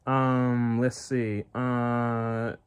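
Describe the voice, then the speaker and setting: A man's voice: mid-range voice, level tone, drawn-out words, smooth. A man hosting a gaming channel, giving casual reaction commentary with lots of stammering, repetition and giggles.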